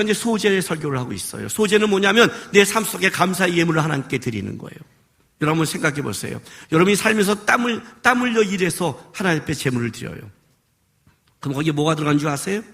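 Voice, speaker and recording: Impassioned man preaching, high lively voice. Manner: impassioned, swings between shouts and hushed drops; acts out pleading prayers in quotes. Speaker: pastor. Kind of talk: sermon. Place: worship service hall.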